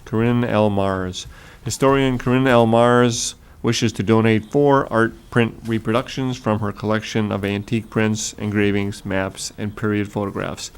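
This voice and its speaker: A man chairing a public board meeting who reads agenda items aloud in a formal, halting way with frequent fillers. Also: lowish voice, gravelly, a little hiss or hum. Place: meeting room.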